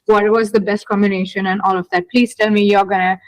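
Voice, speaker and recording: A woman's voice: medium pitch, level tone, quick pace, dry recording, low-quality recording. A woman hosting a podcast interview, chatting casually and effusively, often repeating her phrases. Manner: enthusiastic, effusive, repeats herself. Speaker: podcast host.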